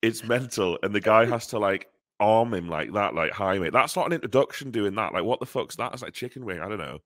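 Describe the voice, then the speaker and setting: Low-voiced man joking on a fan podcast. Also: brisk, no room sound, studio quality. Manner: animated, joking, swears casually. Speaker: podcast co-host. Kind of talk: casual chat.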